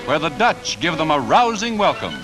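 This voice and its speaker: A man's voice: fairly high pitch, sing-song, moderate pace. Man in 1940s newsreel narration. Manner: punchy announcer delivery with wry quips. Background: music score.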